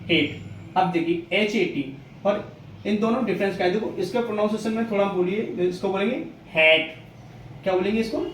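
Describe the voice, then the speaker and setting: A man teaching a spoken English lesson, slowly repeating his points and asking questions that he then answers himself. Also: sits high, fairly even intonation, a little mellow, slight background noise. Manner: slow, repetitive teaching, poses questions and answers them. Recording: very echoey room, mic at a distance.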